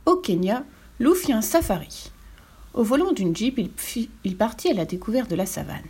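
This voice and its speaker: A woman reading a children's storybook aloud as the narrator, in a lively, expressive way. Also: a little high, moderate pace, breathy edge.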